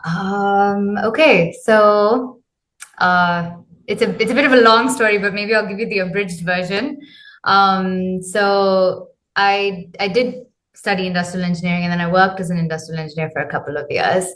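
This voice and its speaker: A woman's voice: mid-range voice, steady tone, moderate pace, a bit bright. Woman, thirties, from Zambia, life coach, casual interview, hesitant, filler-heavy. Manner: hesitant, many ums and uhs. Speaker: guest, men's clarity coach.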